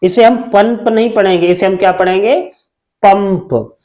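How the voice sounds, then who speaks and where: A man with a high-pitched, darkish voice teaches Hindi spelling at a brisk pace with fairly even intonation. In this slow spelling lesson he draws out and repeats syllables, asking questions and answering them himself.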